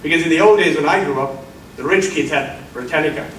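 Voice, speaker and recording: Speaking quickly in a fairly bright voice on the high side, this middle-aged South African keynote speaker addresses the lecture hall audience as colleagues with emphasis. The far-off mic picks up roomy echo, faint ambience, and slight hiss or hum.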